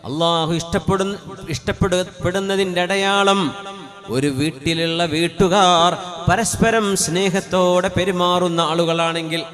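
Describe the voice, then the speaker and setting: A high-pitched man preaching a sermon. He chants short Arabic phrases in a sung tone, then explains them, rising to loud emphatic peaks and dropping to low, quiet asides. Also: steady tone, a little slow, music in the background. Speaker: Islamic preacher.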